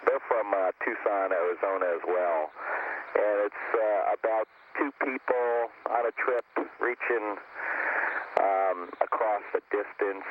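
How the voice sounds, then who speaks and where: Man, breaking-up space radio, very deep voice, tinny narrow sound, faint hiss, halting speech with fillers. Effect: breaking-up space radio link. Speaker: astronaut on the spacecraft. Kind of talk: space-to-ground radio call.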